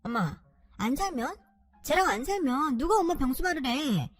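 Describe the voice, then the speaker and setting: Woman playing a whiny spoiled big sister, lively voice. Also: high voice, moderate pace. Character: selfish whiny spoiled older sister, young adult.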